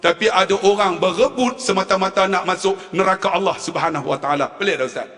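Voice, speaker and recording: A man preaches in a very high, bright, forceful voice, joking and laughing along with the congregation. His animated storytelling rings with a long reverb through a mosque hall. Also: fast talker, recorded from a distance. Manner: animated storytelling, laughing at his own jokes, repeatedly calling out to the audience. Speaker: religious preacher at a mosque forum. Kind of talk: humorous sermon addressing the congregation.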